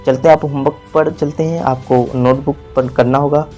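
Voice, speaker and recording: A man's voice: mid-range voice, steady tone, normal speed, dark tone, faint music behind. A man giving a spelling lesson, repeating words and quizzing the viewer, stretching out vowels. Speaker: teacher. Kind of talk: classroom-style spelling lesson.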